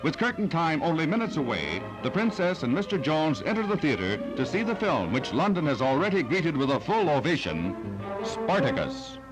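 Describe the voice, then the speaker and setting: A man's voice: on the high side, very animated, normal speed, low-quality recording. A man reading scripted old newsreel narration in a showy, declamatory announcer manner over music. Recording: vintage newsreel soundtrack under loud music.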